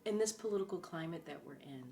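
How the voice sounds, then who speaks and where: Speaking quickly and animatedly in a lowish, dark-toned voice, a middle-aged woman guests on a conversational interview. She's a former press secretary, earnest and emphatic, who often repeats key phrases. There's a little hiss or hum on the recording.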